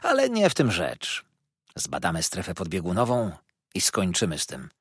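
A shrill, bustling little dwarf woman, as a male audiobook reader puts her on, squealing up high and swooping wildly through her gossip. Her voice is a little husky and sits close and dry, with no room around it. She teases and flirts as she chatters on. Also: huge pitch swings, moderate pace, no room sound, full character voice. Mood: gossipy. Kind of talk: audiobook character voice.

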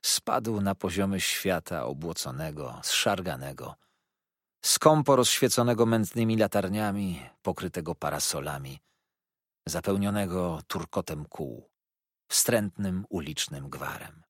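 A man narrating a classic novel in the first person, with an expressive, dreamy storytelling manner and a husky voice. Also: deep voice, measured pace, dry recording, clean studio sound. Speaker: audiobook narrator.

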